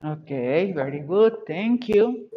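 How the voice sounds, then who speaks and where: A woman teaching an online English class, switching between Spanish and a Mexican-accented English, encouraging her students and slowly repeating their answers. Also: mid-range voice, animated. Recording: dull lo-fi video call audio.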